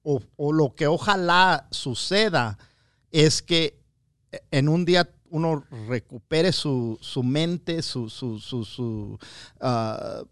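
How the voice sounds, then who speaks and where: Rambling middle-aged man, slightly high voice. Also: slow, no echo, clean studio sound. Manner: rambling, stammers and repeats words while searching; acts out quoted lines in a lower, softer voice. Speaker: podcast host. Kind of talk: casual chat.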